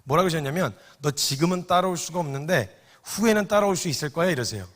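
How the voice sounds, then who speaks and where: A man preaching with a quick, animated storytelling delivery, switching into voices for the characters. His voice sits high for a man and rushes along. A long reverb trails behind him, as in a large hall. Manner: lively comic storytelling, acting out characters. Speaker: missionary preacher. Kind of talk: storytelling sermon.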